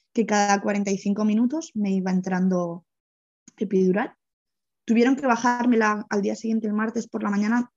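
A young woman, telling a personal story in a lively way, with many fillers. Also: medium pitch. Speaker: guest. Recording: dull lo-fi sound.

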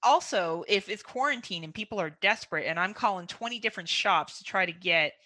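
A woman's voice: medium pitch, expressive, brisk, pushed and bright, no echo. A woman from Canada co-hosting a casual podcast, telling a joking, self-mocking story. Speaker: podcast co-host.

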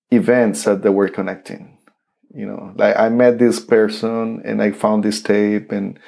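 Gravelly-voiced man with a Costa Rican Spanish accent. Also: fairly low pitch, a little mellow. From Costa Rica. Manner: halting, many restarts and fillers. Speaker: interview guest, saxophonist. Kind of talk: casual interview storytelling.

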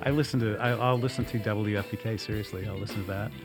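A man's voice: lowish voice, steady tone, quick pace, over music. Rambling, laughing male podcast guest. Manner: rambling, self-deprecating, laughs often. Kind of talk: casual chat.

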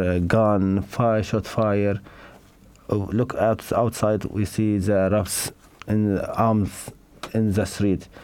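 A middle-aged Syrian man speaks in a fairly low voice, recorded dry and close. His English is halting and non-native, broken by fillers and restarts as he recounts his story. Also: darkish tone, clear, resonant tone, dry recording. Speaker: interviewee, father. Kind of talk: personal testimony.

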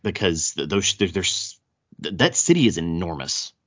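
A man's voice: low voice, big pitch swings, moderate pace, a bit bright. A man with a thick Southern US accent hosting a casual podcast chat, often stammering and repeating words as he goes. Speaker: podcast host. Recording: dull, roomy echo.

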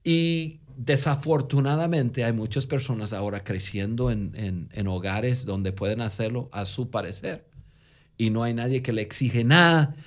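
A man co-hosting a podcast who tells stories in casual Spanish, which is not his first language, with a lingering foreign accent and frequent halting restarts. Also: medium pitch. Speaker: podcast co-host. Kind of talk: casual conversational storytelling.

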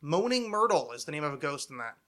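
This American podcast host from the United States speaks fast, with a voice on the high side, a fairly bright tone and big swings in pitch. He rambles through casual comedic talk, putting himself down and cursing freely.

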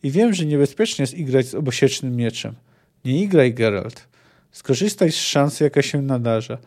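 A man voicing a grave old bearded druid who gives earnest, measured counsel in a read-aloud story. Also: mid-range voice, animated, a little mellow.

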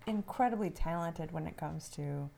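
A woman's voice: deep voice, moderate pace, vocal fry, dark tone. A woman co-hosting a podcast, chatting casually in a playful, teasing way. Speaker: podcast co-host. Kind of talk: casual chat.

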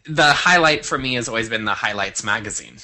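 Male co-host, deadpan sarcasm, bright lively delivery, echoing bathroom like a cave. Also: mid-range voice, fairly quick. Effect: cave-like echo. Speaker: podcast co-host. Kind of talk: casual chat.

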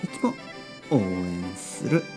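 A man's voice: deep voice, sing-song, takes it slowly, over music. A man hosting a podcast for language learners in simple, unscripted talk, repeating and rephrasing key words as he goes. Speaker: podcast host for learners of Japanese.

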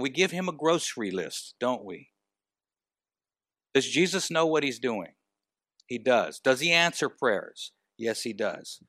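A man preaching a sermon, asking the congregation rhetorical questions and moving between quiet and emphatic delivery. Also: medium pitch, no room sound, studio quality.

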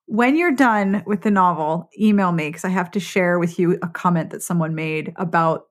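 A woman with a lowish voice hosts a podcast at a moderate pace, keeping things informal, playful, and conversational as she chats and signs off.

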